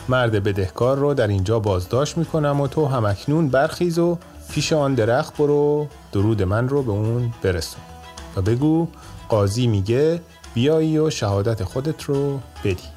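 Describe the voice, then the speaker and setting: A man voicing a shrewd, calm old male judge in a told folk tale, speaking in a measured way. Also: medium pitch, faint music behind, lightly acted.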